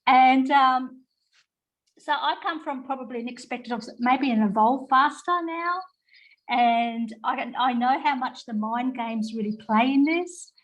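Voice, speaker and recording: A woman with an Australian accent tinged with English speaks as a guest on a video call. She talks in a chatty, rambling way, full of asides and fillers. Her voice is a little higher than most women's. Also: a little slow, highs cut off. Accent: Australian with a slight English twang. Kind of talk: informal spoken talk.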